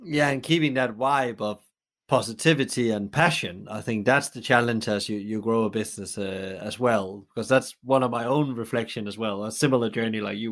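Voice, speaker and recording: A male podcast host asks questions and shares his own reflections. His English is slightly non-native in its grammar and phrasing. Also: on the low side.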